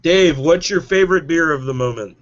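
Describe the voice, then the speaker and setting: A man hosting a casual podcast, teasing his guests as he fires quick questions at them. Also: a little high, highs cut off. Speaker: podcast host. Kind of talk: casual chat.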